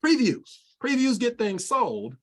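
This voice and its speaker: Over a video call, a middle-aged man leads an energetic sales training, animated and folksy with many casual asides. His voice is very high-pitched and a little slow.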